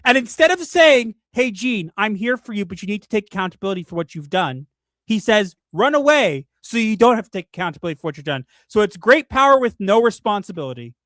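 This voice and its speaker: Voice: medium pitch, big pitch swings, quick pace, fairly bright tone, no echo. A stream host in a casual spoiler discussion of a movie, reading chat comments aloud and ranting emphatically.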